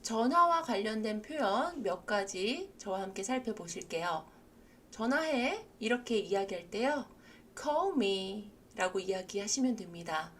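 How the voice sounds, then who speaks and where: A woman's voice: medium pitch, expressive, moderate pace, hardly any pauses, a bit bright, slight background noise. A woman with a Korean accent teaching an English lesson for seniors, explaining patiently and leading repetition drills. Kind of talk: slow recorded language lesson for seniors.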